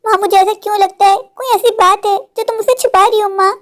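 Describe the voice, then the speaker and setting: This woman's voice is very high and brisk, with fairly even intonation. Doing Hindi cartoon voice work, she plays a stubborn modern college girl pleading with and arguing against her mother, repeatedly calling out "maa."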